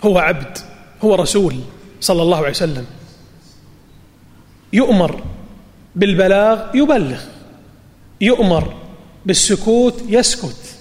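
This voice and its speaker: A man preaching in a high voice. He retells a story dramatically, lifting his voice toward near shouts on the quoted cries. Long reverb trails every phrase. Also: animated, measured pace, pauses often. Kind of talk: sermon storytelling.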